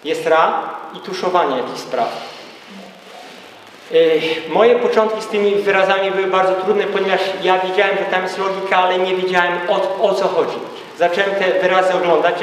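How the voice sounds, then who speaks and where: High-voiced man lecturing in an echoey hall. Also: steady tone, a little fast, recorded from a distance, slight background noise. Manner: emphatic, rhetorical questions. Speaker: speaker at a gathering. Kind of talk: lecture to a live audience.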